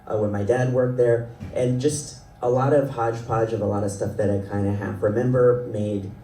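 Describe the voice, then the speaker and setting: Warm and medium-pitched, with fairly even intonation at a normal speed, this South Florida panelist in his thirties comes from an Ecuadorian family and works as an animation writer and creator. On a festival panel he rambles, downplays himself, and laughs a lot. A distant mic in the event hall yields roomy sound and faint noise.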